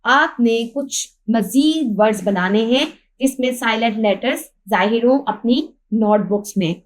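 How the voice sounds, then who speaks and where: High-voiced Pakistani woman teaching a lesson. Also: a little slow. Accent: Pakistani Urdu. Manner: spells out words letter by letter, asks and answers her own questions. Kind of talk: lesson explaining a textbook.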